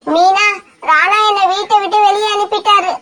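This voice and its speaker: A woman voicing a gentle mother sparrow in a cartoon, pleading and tearful. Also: extremely high pitch, fairly even intonation, moderate pace, background noise. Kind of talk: cartoon voice acting.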